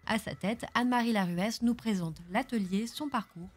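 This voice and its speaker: Woman's read voice-over over soft music. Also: on the high side, normal speed, breathy edge. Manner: even, read introduction. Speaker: video host. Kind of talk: scripted voice-over.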